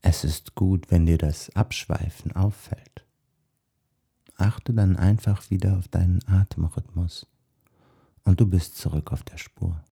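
A man with a soft, husky, breathy voice guides a meditation in a hushed, soothing manner, leaving long pauses. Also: low-pitched, fairly even intonation. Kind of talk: guided meditation, body scan.

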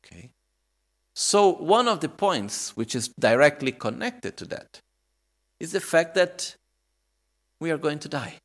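A Buddhist teacher in his thirties gives a dharma talk in non-native English, reflective and measured, pausing often. His voice sits on the high side and is very animated. He keeps checking in with the audience, repeating questions with "okay?" and "no?".

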